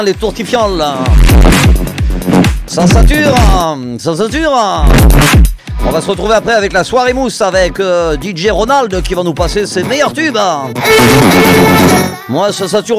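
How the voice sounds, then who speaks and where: A man voicing a brash fairground DJ who keeps everything at full volume. His loud announcer patter comes through an overdriven, distorted mic. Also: high voice, pitched above the performer's own voice. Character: brash male fairground DJ, always maxed out.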